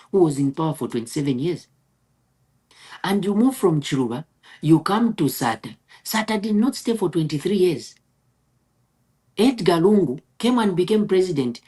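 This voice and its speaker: A woman's voice: deep voice, a little mellow, breathy edge. A woman from Zambia giving political commentary in a live discussion, earnest and argumentative, often posing rhetorical questions.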